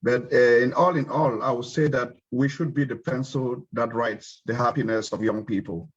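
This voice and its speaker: A man's voice: mid-range voice, fairly even intonation, normal speed. A middle-aged man speaking hesitantly as a nonprofit director on a video call, his audio crackling and breaking up. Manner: hesitant, restarts phrases, apologetic about the tech. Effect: glitchy, crackly call audio that breaks up. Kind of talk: unscripted remarks on an online roundtable. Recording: dull, lo-fi, breaking-up online call.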